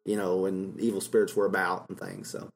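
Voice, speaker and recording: A man's voice: sits low, little pitch movement, brisk. A man co-hosting a podcast, talking casually about a film and filling his talk with "you know" and laughs. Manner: rambling, with many fillers and laughs. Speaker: podcast co-host.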